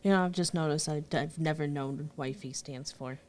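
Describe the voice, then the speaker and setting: A female podcast co-host in playful, giggly banter. Her voice is unusually low for a woman, and faint music plays in the background. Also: brisk, a little mellow. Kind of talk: casual chat.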